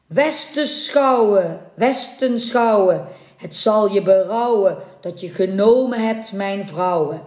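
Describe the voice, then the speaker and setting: A woman's voice: animated, slow, a little mellow. A woman voicing a grieving old merman. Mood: cursing. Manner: pleading, then booming curses. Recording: roomy echoing room.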